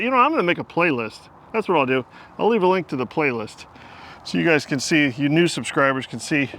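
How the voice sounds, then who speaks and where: This channel host, a man in his fifties, chats casually to the camera and mutters to himself while doing outdoor work. His voice runs a little high and has a fairly bright tone.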